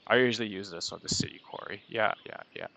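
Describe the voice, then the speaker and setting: This streamer talks quickly in a fairly low, gravelly voice made nasal by a head cold, rambling about the city-building game he's playing. His casual commentary is chatty and self-deprecating, set against a noisy background.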